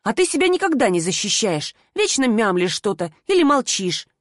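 Casting: a woman doing a brash, sharp-tongued young woman in an audiobook, higher-pitched, dry close sound. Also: sing-song, moderate pace, no room sound. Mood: frank. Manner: bold, brash. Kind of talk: audiobook character voice.

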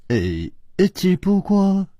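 A man voicing a calm, wry young gentleman hero who chuckles softly in a storybook tale. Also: slow pace, no echo, clean studio sound. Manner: low, chuckling.

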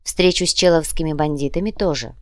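Female audiobook narrator, lowish, steady, dry studio sound. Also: fairly quick, dry recording. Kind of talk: scripted narration.

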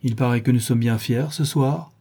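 A man's voice: mid-range voice, normal speed, mellow, slightly rough. A man voicing a greedy, mocking old dockside woman with a cracked voice who sneers and jeers. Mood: sneering. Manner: sneering, jeering.

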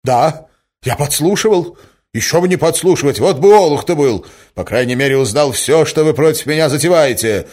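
A man voicing an indignant young suitor who has been jilted and shouts in a rage, his voice raised far above his narrating voice. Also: medium pitch, animated, a little slow, pitched above the performer's own voice, natural voice. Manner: shouting, furious, sputtering.

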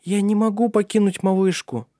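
A man's voice: high-pitched, steady tone, normal speed, warm tone, no room sound, studio quality, voice pushed up, natural voice. A man voicing an anxious, tender young woman in love, with trembling pleas, in an audiobook. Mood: emotional.

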